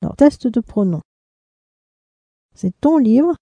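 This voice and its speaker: A woman leading a language lesson, reading drill prompts in a measured cadence. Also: fairly high pitch, expressive, mellow. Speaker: language teacher.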